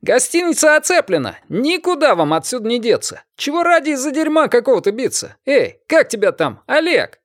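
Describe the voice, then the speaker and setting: A shrill, excitable young fighter yells out in an eager rush, as a male narrator puts him on. His voice leaps very high above the reader's own, yet the sound stays close and dry. He comes across as jumpy and keen for a brawl. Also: fairly quick, few pauses, no echo. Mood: excited.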